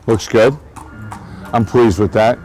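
A man's voice: mid-range voice, fairly even intonation, slow pace, a little mellow, faint music behind, low-quality recording. A man, a racehorse trainer giving a guided barn tour outdoors, chatty and digressive, often restarting his sentences. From Long Island, New York. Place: outdoor horse barn shed row.

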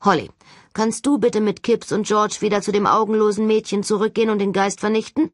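A woman voicing a calm, confident teenage boy who leads his team in measured tones. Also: medium pitch, no echo, studio quality, voice pushed up, close to an everyday voice.

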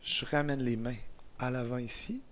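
A man with a Québécois French accent leading a gentle exercise class, calm and encouraging, counting down softly. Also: medium pitch, normal speed. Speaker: exercise instructor. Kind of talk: guided seated exercise class. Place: indoors beside a chair.

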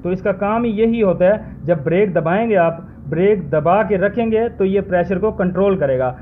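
A truck mechanic in his thirties, with a high voice and moderate pace, explains a brake valve repair step by step in a workshop as a hands-on tutorial. He keeps checking in with the viewer with "theek hai" and often uses Islamic phrases like inshallah and mashallah. The audio sounds phone-quality, with slight background noise.

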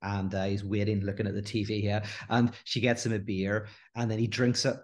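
A middle-aged man, a guest philosopher in an animated podcast conversation who acts out the voices in his anecdotes. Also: fairly low pitch, a little fast.

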